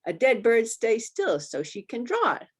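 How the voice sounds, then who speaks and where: A woman doing loud crude British bikers. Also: extremely high pitch, huge pitch swings, moderate pace, breathy edge, pitched above the performer's own voice, heavily acted. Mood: rowdy mocking. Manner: loud, coarse, mocking. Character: rough male British bikers, brash and crude.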